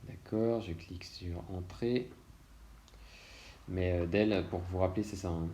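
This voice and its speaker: A man, an illustrator talking through a screen-recorded software tutorial in a relaxed way, thinking aloud with frequent hesitations. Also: sits low, a little slow, slight background noise.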